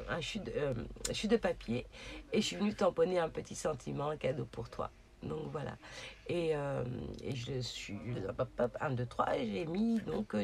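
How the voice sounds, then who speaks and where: Woman showing off her craft project, chatty and hesitant, lots of ums, gravelly fry in her voice. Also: sits low. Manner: chatty, hesitant, many fillers. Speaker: craft channel host. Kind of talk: casual crafting tutorial.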